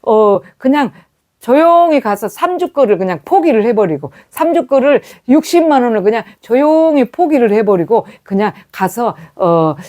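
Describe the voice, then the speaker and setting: A woman's voice: fairly high pitch, very animated, normal speed, mellow. A middle-aged woman giving a sermon testimony, telling a story animatedly with quoted dialogue. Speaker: preacher.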